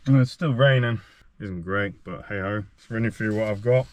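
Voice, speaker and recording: With a lowish voice at normal speed, this man talks to camera as a vlogger, wandering off a little and leaning on dry, self-mocking understatement. There's a slight hiss or hum in the recording.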